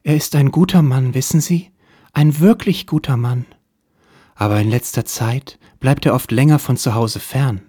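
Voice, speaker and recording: A man's voice: medium pitch, moderate pace, mellow, breathy edge, no room sound, studio quality, voice pushed up, lightly acted. A man voicing a wealthy, tearful woman of about thirty who pleads with a detective in a parody noir audio play. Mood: pleading. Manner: pleading, theatrically sobbing.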